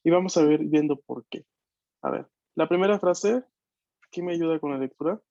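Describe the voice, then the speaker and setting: This beginners' language teacher on a video call has a fairly high but creaky, dark voice at normal speed, recorded dull and dry without echo. He checks often with questions that his students are keeping up, staying patient throughout.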